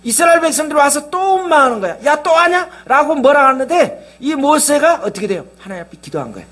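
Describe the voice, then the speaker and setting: A man's voice: very high voice, very animated, fast, a bit bright. A male pastor preaching a sermon, asking the congregation question after question.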